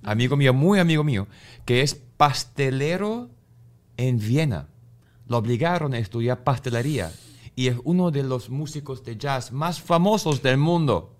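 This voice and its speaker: A man's voice: mid-range voice, lively intonation, moderate pace. A man co-hosting a casual chat who interjects often and tells anecdotes.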